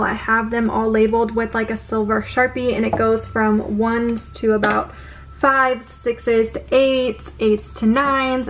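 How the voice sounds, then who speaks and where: A woman's voice: a little high, a little hiss or hum. An eighteen-year-old woman hairstylist from California giving a chatty, upbeat tour of her salon station and cabinet. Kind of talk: casual salon tour vlog. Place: indoor hair salon. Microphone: handheld camera close by.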